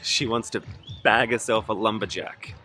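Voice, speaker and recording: A man's voice: lowish voice, fairly even intonation, moderate pace, pushed and bright, soft background music. A man vlogging while walking outdoors through a mountain park, chatty and joking, laughing often. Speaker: travel vlogger. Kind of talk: casual vlog commentary. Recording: outdoor noise behind.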